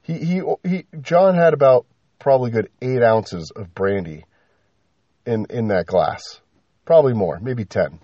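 A man's voice: mid-range voice, animated, unhurried, mellow, dry recording. A man telling a story in a casual, rambling way on a podcast, swearing and using lots of fillers. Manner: rambling, profane, many fillers. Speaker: podcast host. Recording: slightly dull lo-fi with faint noise.

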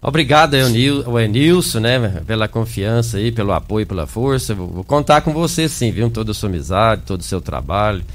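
A male local politician speaks in a radio interview. His voice is fairly low, and he often checks in with short tag questions. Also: expressive, brisk, hardly any pauses, a little hiss or hum. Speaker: politician, city council president being interviewed. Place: radio studio.

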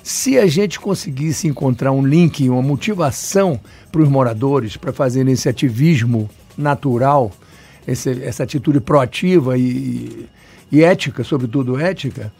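Here a talkative Bahian man, an urban planner from Salvador, Brazil, answers interview questions at length, emphatically, wandering off and restarting. His voice is a little high with a dark tone.

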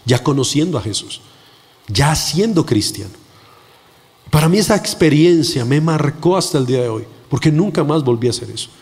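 A male preacher with a fairly high voice gives an earnest, emphatic sermon built on personal testimony. He acts out the voices he quotes as he speaks. The long echo of a large church hall trails every phrase. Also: darkish tone.

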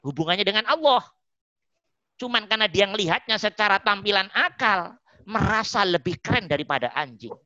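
A woman's voice: mid-range voice, expressive, fairly quick, pushed and bright, no echo. A woman religious teacher, preaching a sermon with repeated, emphatic warnings. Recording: dull, muffled recording.

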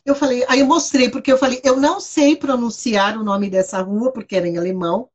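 A woman from Brazil tells a travel story in a relaxed, chatty way. Her voice sits a little high, and she keeps checking in with her listener as she talks. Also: a little fast, highs cut off. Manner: chatty, frequent tag "né?", laughs often. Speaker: guest. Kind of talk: casual storytelling.

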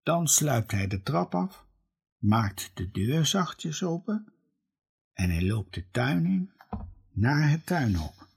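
Slow, breathy male storybook reader. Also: fairly high pitch, sing-song, a little mellow. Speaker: narrator. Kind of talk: storybook reading.

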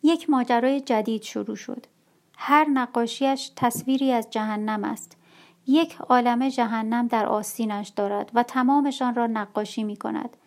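A woman reading a dark first-person story aloud in a measured, quiet, somber way. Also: a little high, steady tone. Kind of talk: audiobook story narration.

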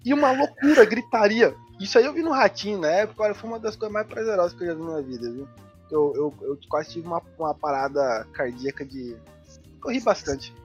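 High-voiced man telling animated stories. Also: quick pace, soft background music. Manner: animated storyteller, swears freely, acts out voices. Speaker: podcast host. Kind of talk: casual podcast chat. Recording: dull lo-fi podcast audio.

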